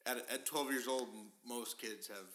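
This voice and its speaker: A male host chatting casually, telling animated stories and laughing often. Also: medium pitch, moderate pace. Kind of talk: casual chat.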